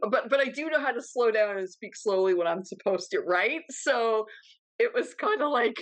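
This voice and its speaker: A woman in her thirties co-hosting a podcast, chatting casually in a fast, animated rush of words. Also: on the high side, no echo. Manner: fast, animated, self-described freight-train talker. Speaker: podcast co-host.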